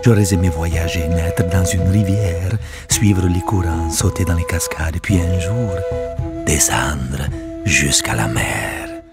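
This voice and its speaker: A man's voice: low voice, slow, creaky, voice pushed down, heavily acted. A man voicing a vain, elegant female trout with a genteel, coaxing manner in a storybook reading. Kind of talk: storybook character voice. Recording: soft music behind.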